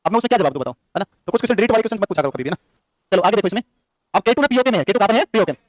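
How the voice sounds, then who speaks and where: Rapid-fire high-voiced male teacher. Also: lively intonation, no room sound. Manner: rapid, repetitive quizzing of students. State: short on sleep. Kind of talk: classroom lecture.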